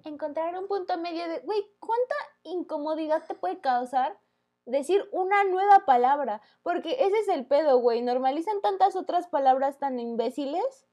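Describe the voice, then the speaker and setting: High-voiced, opinionated Mexican woman. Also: lively intonation, normal speed, warm tone. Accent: Mexican Spanish. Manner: opinionated, emphatic, slangy. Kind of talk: casual chat.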